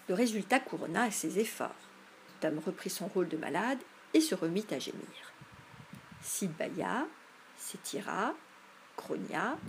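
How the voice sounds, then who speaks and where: A woman's voice: medium pitch, a little hiss or hum. Woman reading a storybook aloud. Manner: measured, expressive storytelling. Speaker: narrator. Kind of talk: audiobook reading.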